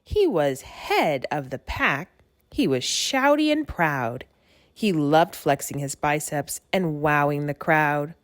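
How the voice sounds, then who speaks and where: A woman giving an expressive read-aloud narration of a rhyming children's story. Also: deep voice, slow pace, no echo, studio quality. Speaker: storybook reader.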